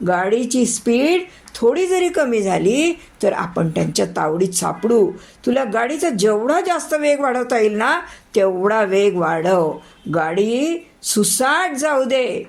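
Woman doing young guy in a story, calm, takes charge, slow gravelly delivery. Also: mid-range voice, heavily acted. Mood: urgent. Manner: urgent commands in the danger scene. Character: young man, traveling brother, calm and commanding.

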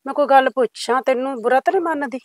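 A woman's voice: high-pitched, quick pace, dry recording, close to an everyday voice. A woman with a Punjabi accent playing a stern mother-in-law who scolds a neighbour. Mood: scolding. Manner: scolding, then pleading. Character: stern older mother-in-law guarding her daughters-in-law.

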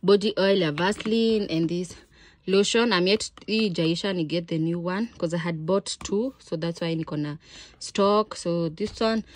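A Kenyan woman in her twenties chats to a close phone camera in a small bedroom. Her voice sits a little low, and her manner is relaxed and talkative. She drops Swahili words into her English as she goes. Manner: chatty, mixes in Swahili words. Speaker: vlogger. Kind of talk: casual vlog chat to camera. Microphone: phone camera held close.

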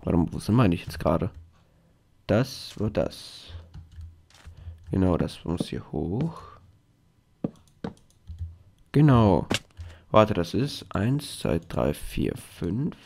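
A man's voice: deep voice, sing-song, slow pace, vocal fry, long pauses, darkish tone. A man giving casual gameplay commentary, hyper and jokey, rambling to himself. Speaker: let's play gamer.

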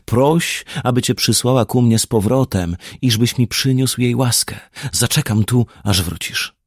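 A man's voice: mid-range voice, measured pace, dry recording, clean studio sound, natural voice. A man reading the part of an earnest young knight in love, ardent and pleading. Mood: tender. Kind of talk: audiobook character reading.

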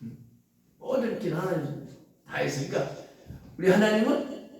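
A man's voice: sits high, animated, normal speed. A pastor preaching a sermon to his congregation, quoting scripture and asking rhetorical questions with strong emphasis. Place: church sanctuary. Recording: very echoey church from far off.

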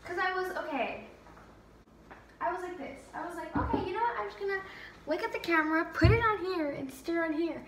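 Her voice very high and her delivery brisk, a young vlogger talks casually as she bakes in her kitchen, self-mocking and filling gaps with "like" and "um." A camera mic, occasionally far across the room, gives an off-mic, roomy sound with background noise.

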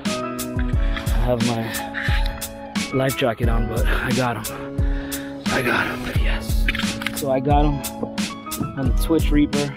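Man in his thirties, fishing vlogger, flat, even delivery, outdoors on a boat, loud music underneath. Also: mid-range voice, takes it slowly, long pauses, poor audio. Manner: excited, chatty, talks to the fish and viewers. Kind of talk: casual on-the-water commentary. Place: outdoors on a small skiff on open water. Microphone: action camera on his body.

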